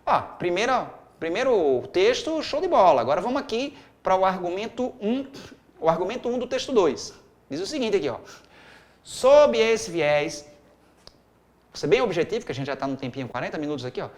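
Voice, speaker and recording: A man's voice: sits high, expressive, fast talker. A male writing teacher, walking students through an essay in a live class with playful asides and exclamations.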